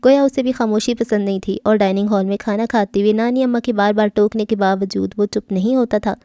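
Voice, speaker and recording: A woman narrating a novel as an audiobook, reading smoothly and with expression. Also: mid-range voice, steady tone, warm tone, dry recording, studio quality.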